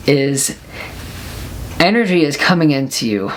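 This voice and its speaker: A woman's voice: low voice, big pitch swings, a little slow, a little hiss or hum. A woman fortune teller giving a casual, chatty tarot card reading, offering encouraging advice with little affirming mm-hmms.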